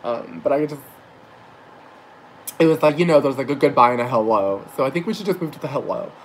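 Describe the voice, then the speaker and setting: A young man talks to camera in a loose, meandering vlog monologue, hopping between asides and filler words. His voice sits at an everyday middle pitch, and faint background noise is audible. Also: a little fast, rough recording. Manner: rambling, chatty, full of fillers and asides. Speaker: aspiring actor and rideshare driver vlogging.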